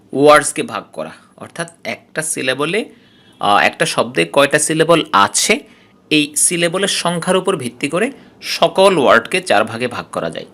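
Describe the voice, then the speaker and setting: A man with a Bangladeshi accent teaching English phonetics, reading definitions out slowly and explaining each part. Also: a little high, fairly bright tone. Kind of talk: slow classroom explanation.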